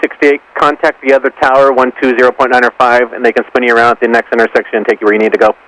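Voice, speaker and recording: A man's voice: medium pitch, level tone, racing, fairly bright tone. A man working as a tower controller, giving clipped procedural instructions over aircraft radio. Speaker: air traffic tower controller. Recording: faintly noisy aircraft radio.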